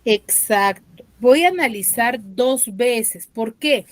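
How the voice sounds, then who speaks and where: Patient Peruvian teacher, higher voice. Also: female voice, lively intonation, no room sound. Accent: Peruvian Spanish. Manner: patient, checks understanding with tag questions, slows on key terms. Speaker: school teacher. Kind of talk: online class lesson. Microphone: dry close mic, online class.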